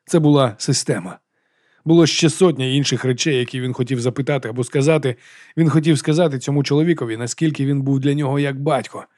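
A male audiobook narrator reading in a steady, measured way, at an ordinary middle pitch. The voice is recorded close on a studio mic, completely dry with no room sound. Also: no echo. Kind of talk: scripted narration.

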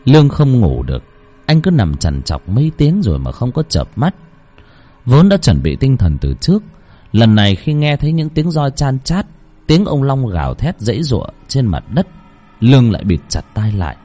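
A man's voice: mid-range voice, wildly swooping pitch, normal speed, dark tone, husky. A man narrating a horror story with dramatic, tense delivery.

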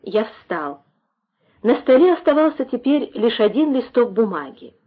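Woman, audiobook narration, measured, fairly high voice, phone-like audio. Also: very animated. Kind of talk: audiobook reading. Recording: tinny phone-like sound.

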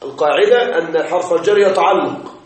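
High-voiced man teaching in an echoey hall. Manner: explains slowly, repeats points and checks students follow. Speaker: grammar teacher. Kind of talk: classroom lecture on Arabic grammar. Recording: very echoey room, voice far from mic.

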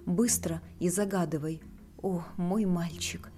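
Brief: woman narrator doing a grief-stricken old mother in an audiobook, hysterical outbursts, low dark voice. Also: slow pace, a little hiss or hum. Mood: frantic. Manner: cries out in wild, hysterical bursts. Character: grieving elderly mother, frantic and desperate.

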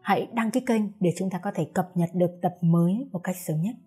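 A woman's voice: lowish voice, brisk, mellow, breathy edge. A woman host politely introducing a story episode in formal terms. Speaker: channel host. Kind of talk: scripted channel intro. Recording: faint background music.

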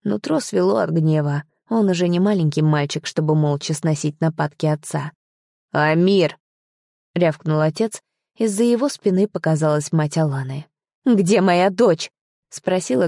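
A woman reading an audiobook, narrating the story in an even storytelling manner. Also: deep voice, normal speed, creaky, dry recording, clean studio sound. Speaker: audiobook reader. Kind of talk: scripted narration.

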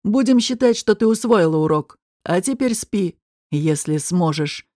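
A woman reading an audiobook voices a domineering, menacing man who talks in a low, slow, mocking, threatening way. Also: expressive, mellow, dry recording, clean studio sound.

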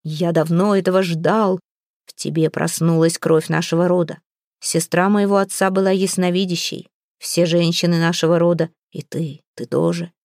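A woman voicing an excitable, stern chieftain father in a read-aloud story. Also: lowish voice, moderate pace, dry recording, studio quality, close to an everyday voice. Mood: excited. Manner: agitated, exclaiming.

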